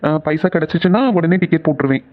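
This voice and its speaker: Guy voicing a joking young cartoon dude, talks super fast, tinny phone-ish sound. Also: a little high, close to an everyday voice. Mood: casual. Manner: quick, teasing banter. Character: young men, friendly and joking. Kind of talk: cartoon voice acting.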